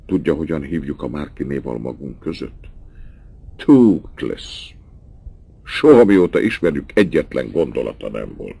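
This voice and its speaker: A man's voice: very deep voice, very animated, creaky, mellow, breathy edge, exaggerated voice. A man playing a whispering, torn young countess. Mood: mocking, playful. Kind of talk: audiobook dialogue.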